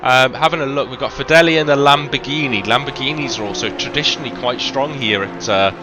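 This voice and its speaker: A man's voice: medium pitch, fast talker, highs cut off, background noise. A man with a faint Welsh accent doing live sim racing commentary, chatty, with lots of ums and self-corrections. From Wales.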